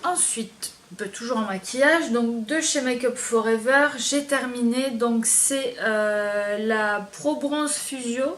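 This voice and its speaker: A woman's voice: fairly high pitch, slow pace, hardly any pauses, a bit bright, slight background noise. A woman beauty vlogger reviewing her used-up products in a casual, hesitant way, with many fillers.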